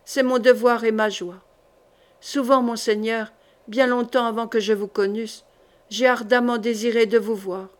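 A devoted young woman speaks softly and gently in this storybook-style reading, voiced by a woman narrator. Her voice is fairly high and tender. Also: steady tone, a little slow, close to an everyday voice.

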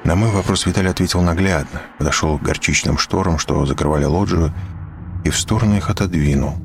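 A man narrating a story in first person, calm and wry. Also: low-pitched, fast talker, gravelly, slight background noise.

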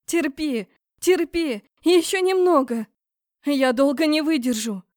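Woman reading a young noble mage girl yelling under strain, high pitched, super dry sound. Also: slow, dry recording. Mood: strained shouting. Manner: shouted pleas under strain. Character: young noblewoman mage, cold then frantic.

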